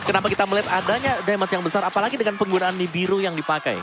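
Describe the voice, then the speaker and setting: A man's voice: sits high, rapid-fire. A man with an Indonesian accent working as an esports caster, explaining the match in live analysis. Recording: game broadcast with music behind.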